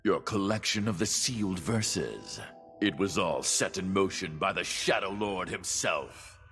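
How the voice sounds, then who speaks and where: A man voicing a menacing, grandiose sentient book in a video game, with slow, theatrical, over-the-top villain delivery. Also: sits low, expressive, heavily acted. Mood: commanding menace. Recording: loud game music underneath.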